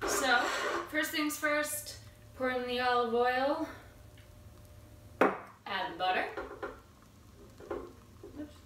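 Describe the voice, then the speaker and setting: Young woman host for a cooking tutorial: chatty, upbeat, a little high, recorded on a distant camera mic in an echoey home kitchen. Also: expressive, extremely slow, pauses often, very noisy. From Washington State. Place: small home kitchen, indoors.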